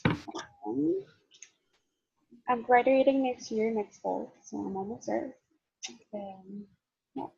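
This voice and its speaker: Brief: young woman, gravelly and hesitant, muffled lo-fi call audio. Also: fairly high pitch, takes it slowly, pauses often, a little mellow, no room sound. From El Salvador. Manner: hesitant, searching for words. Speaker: student. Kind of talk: casual group discussion. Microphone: video call. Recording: dull lo-fi video call audio.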